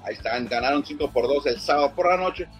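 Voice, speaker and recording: Man hosting sports radio, slightly high voice, faint music under a radio broadcast. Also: fast, lo-fi sound. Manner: asks questions and steers the segment. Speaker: radio sports show host. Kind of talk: casual radio sports talk.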